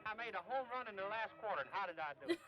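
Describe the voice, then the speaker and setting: A man's voice: high-pitched, lively intonation, racing. An actor playing a dopey, boastful man who blusters in a bellow, in an old 1930s film serial. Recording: dull old film soundtrack with music.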